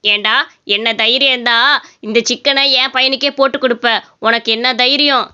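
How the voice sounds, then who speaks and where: A woman's voice: fairly high pitch, fairly even intonation, normal speed, pushed and bright, clean tone. A woman voicing a greedy, bossy male shop owner. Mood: angry. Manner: harsh, bossy, threatening. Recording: dull lo-fi cartoon audio.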